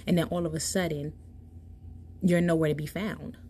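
Woman podcast host, lowish voice, emphatic and direct, casual monologue. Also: steady tone, moderate pace, mellow, a little hiss or hum. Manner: emphatic, impassioned, addresses listeners directly.

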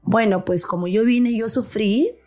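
A woman's voice: medium pitch, moderate pace, a little mellow, soft background music. A woman from Peru, a podcast guest, talking candidly in casual conversation and laughing at her own stories.

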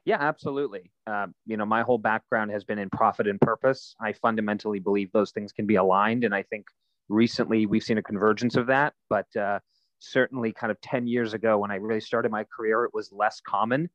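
A man in his thirties, a nonprofit founder, answering interview questions in a relaxed, storytelling way with frequent fillers. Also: on the low side, brisk, no room sound, lo-fi sound.

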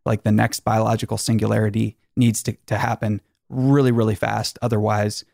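A male podcast host with a slightly low, gravelly voice, recorded close and dry in a garage. He rambles casually and jokes drily. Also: level tone, brisk, darkish tone, no room sound.

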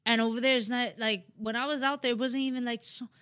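A young woman, a spiritual speaker appearing as a podcast guest, chats casually and loosely, rambling with lots of "you know" and "like" plus playful jokes. Her voice is fairly high, bright and fairly even, at a quick pace, in echo-free studio quality.

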